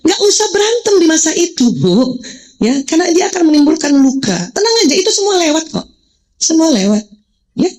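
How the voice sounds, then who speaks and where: A woman's voice: very high-pitched, sing-song, a little fast, darkish tone, poor audio. A woman in her forties giving a religious parenting talk to mothers, joking and quizzing the audience. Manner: playful, jokes and quizzes the audience.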